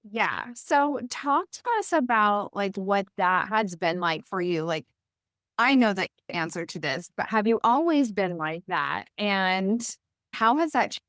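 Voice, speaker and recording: A young woman hosts a podcast conversation, eager and chatty, and often says "like." Her voice sits at a middling pitch and is recorded dry and close. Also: animated, unhurried, fairly bright tone, dry recording. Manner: enthusiastic, chatty, filler-heavy questions. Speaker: podcast host. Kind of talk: casual conversational interview.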